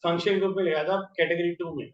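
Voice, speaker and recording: A man teaching chemistry in a classroom, quizzing students by name and slowly repeating each compound name. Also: high-pitched, fairly even intonation. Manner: questions students by name, drills terms slowly. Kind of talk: classroom lecture. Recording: roomy, distant, dull lo-fi classroom audio.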